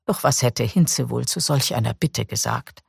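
A man reading a novel aloud in calm, measured audiobook narration. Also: medium pitch, gravelly, husky, no room sound, studio quality.

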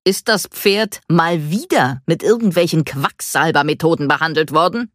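A woman's voice: deep voice, moderate pace, no room sound, studio quality, lightly acted. A woman voicing a stern, evasive male veterinarian who speaks in a curt, lecturing way.

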